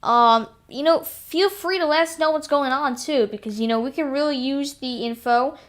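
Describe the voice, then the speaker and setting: A woman's voice: high-pitched, moderate pace, fairly bright tone. A woman hosting a live storm stream, giving weather commentary in a hesitant, self-correcting way. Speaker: host of storm livestream.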